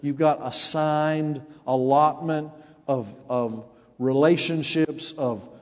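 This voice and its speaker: Slow and fairly even in intonation, a fairly high-pitched pastor in his forties calls out to his congregation, his call-and-response sermon swelling to emphatic peaks. The sound carries a long reverb tail.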